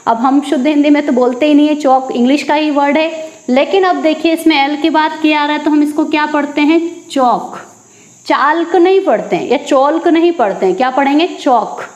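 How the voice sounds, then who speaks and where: A woman teaching English at a board, slowly repeating each word and then answering her own questions. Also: high-pitched, a little mellow, roomy sound, highs cut off. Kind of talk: classroom lesson. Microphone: teaching at a board with a marker.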